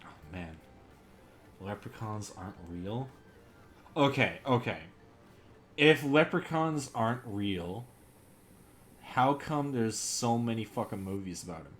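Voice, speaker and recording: A man's voice: fairly low pitch, expressive, takes it slowly, long pauses, slight background noise. A man co-hosting a casual podcast, rambling and swearing while reading news articles aloud. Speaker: podcast co-host.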